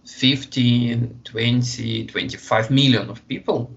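A man from Russia with a Russian accent, speaking English in a halting way with many fillers and restarts as an interview guest. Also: mid-range voice, steady tone, creaky, dull audio. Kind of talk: conversational interview.

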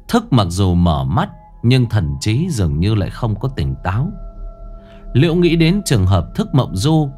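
Guy reading a ghost story, really lively up-and-down voice, soft music behind. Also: lowish voice. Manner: dramatic, expressive.

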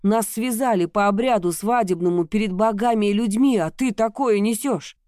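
A woman voicing a hulking young male village blacksmith who is gruff and possessive, speaking low and demanding in an audiobook. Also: moderate pace, darkish tone, dry recording, clean studio sound, lightly acted. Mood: insistent. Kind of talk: audiobook character reading.

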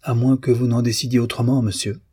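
A man's voice: mid-range voice, flat delivery, a little fast, slightly rough, lightly acted. A man voicing a proud, clever young violinist. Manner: polite, confident, quietly proud.

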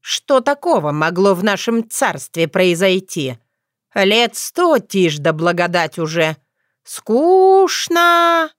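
A woman's voice: mid-range voice, sing-song, slow, no echo, studio quality. A woman voicing a playful, bossy old witch grandmother who talks in a teasing, folksy way.

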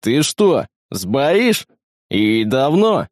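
A man voicing a brash, crude male space marine in a storybook reading, gruff and barking. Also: medium pitch, very animated, very slow, no room sound, studio quality. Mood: rough. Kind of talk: audiobook character voice.

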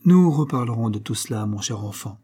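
A man voicing a calm, mysterious older Indian sage who speaks slowly and gently in a read-aloud novel. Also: medium pitch, husky, close to an everyday voice. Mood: knowing. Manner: slow, gentle, knowing.

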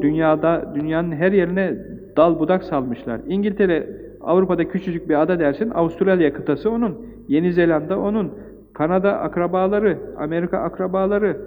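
An older man preaching in an emphatic, rhythmic way, piling up lists and rising on key points. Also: high voice. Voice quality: recites Arabic verses quickly. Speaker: Islamic preacher. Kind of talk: religious talk. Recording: tinny phone-like old recording in a hall.

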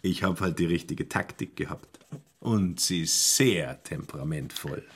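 Radio play: a vain, practical guy, lowish voice. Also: a little slow, fairly bright tone, breathy edge, heavily acted. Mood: smug. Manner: smug, matter-of-fact. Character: self-satisfied young Bavarian man, practical and vain.

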